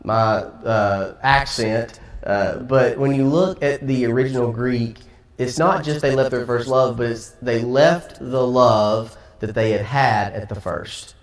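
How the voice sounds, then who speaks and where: A Tennessee man with a Southern accent teaches a Sunday Bible class in a conversational style, acting out quotes and letting out light laughs. His mid-range voice moves at a slow pace, picked up from a distance in an echoey church auditorium.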